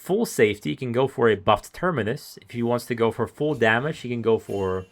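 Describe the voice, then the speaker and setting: A man's voice: medium pitch, lively intonation, a little fast. A man doing live solo esports commentary, analytical and musing, chuckling between thoughts, his voice wearing thin. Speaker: esports caster.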